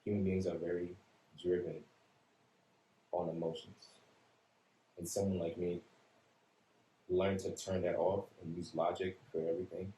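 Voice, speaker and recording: Podcast host, male, deep and mellow, calm matter-of-fact talker, echoey room. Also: unhurried, long pauses. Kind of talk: casual podcast chat. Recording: roomy echo with faint room noise.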